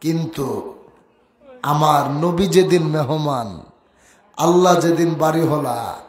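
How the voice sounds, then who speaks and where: A high-pitched preacher, slow and drawn out, who bursts into shouts to rouse the crowd. His sermon comes through an echoey sound system. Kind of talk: religious sermon.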